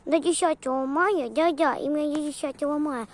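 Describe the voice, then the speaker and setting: A playful corgi puppy acted out by a woman chatters in a high, childlike voice. The talk rambles and turns singsong, like a homemade pet vlog, with slight noise in the recording. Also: a little fast. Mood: chatty, pleading. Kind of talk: improvised pet role-play vlog.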